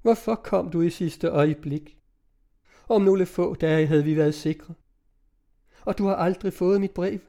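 A man's voice: high voice, pauses often, warm tone, pitched above the performer's own voice. A man voicing a desperate young woman. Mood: despairing. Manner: anguished, pleading.

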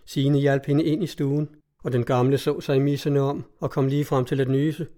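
A man narrating an audiobook in a measured, even storytelling manner. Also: mid-range voice.

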